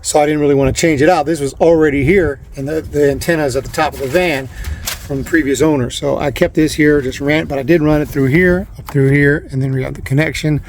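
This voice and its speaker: Brisk and steady, a slightly high, somewhat mellow male voice walks through a hands-on van installation. He's a vlogger working in and around the parked vehicle, chatting casually, wandering off-topic, and saying things twice, all on noisy handheld audio with clicks.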